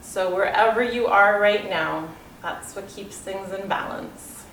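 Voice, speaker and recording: With a mid-range voice made slightly nasal by congestion, a yoga teacher offers slow, drawn-out guidance that trails off softly. She's recorded indoors by a distant camera in an echoey room with a yoga mat, and a faint hiss sits underneath.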